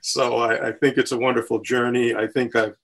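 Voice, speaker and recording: Older man speaking in measured, repeating phrases. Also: mid-range voice, flat delivery, a bit bright. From US West Coast. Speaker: podcast guest. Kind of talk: conversational interview.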